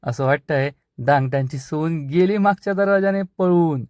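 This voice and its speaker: A man voicing a sharp-tongued village aunt who gossips and taunts in a soap-opera recap. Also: fairly high pitch, normal speed, clear, resonant tone, no room sound, studio quality, lightly acted. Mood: taunting. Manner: mocking, gossiping.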